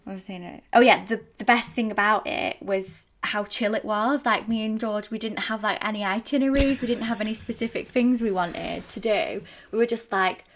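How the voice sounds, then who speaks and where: A woman's voice: medium pitch, steady tone, moderate pace, hardly any pauses. A young adult woman co-hosting a podcast, telling a rambling, chatty story in casual conversation and laughing often. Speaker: podcast co-host. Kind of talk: casual chat.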